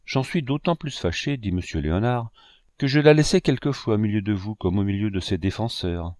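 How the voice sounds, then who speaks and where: A man reading aloud, voicing a calm, measured older painter who speaks like a father to his students. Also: lowish voice, dry recording, clean studio sound, close to an everyday voice. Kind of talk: audiobook reading.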